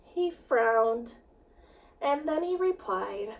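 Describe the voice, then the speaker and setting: Reading a picture book to children, a woman who works as a children's director speaks in a high, unhurried voice. Her expression ranges widely, and she leaves dramatic pauses between lines. She's recorded from a distance, so she sounds far from the mic.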